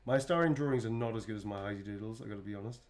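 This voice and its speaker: A man's voice: fairly low pitch, very fast. A man chatting casually while signing and drawing for fans, self-mocking and often laughing. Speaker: voice actor signing fan requests.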